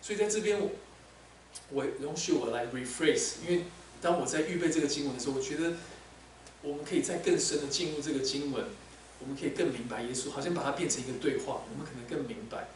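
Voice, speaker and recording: A man's voice: medium pitch, fast. A man preaching a sermon, teaching with animation and slipping English terms into his talk. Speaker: pastor. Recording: echoey hall, mic at a distance, faint noise.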